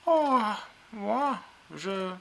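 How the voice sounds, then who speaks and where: A man voicing a sleepy young legendary Pokémon who grants wishes, talking slow and soft. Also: very high-pitched, expressive, creaky, voice pushed up, heavily acted. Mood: drowsy. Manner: drowsy, slow and soft-spoken.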